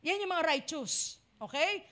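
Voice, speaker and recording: A woman's voice: very high-pitched, expressive, a little slow, sharp tone. A woman pastor with a Filipino accent preaching a sermon, dramatic and acting out the cries of the lost. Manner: dramatic, acts out voices of the lost.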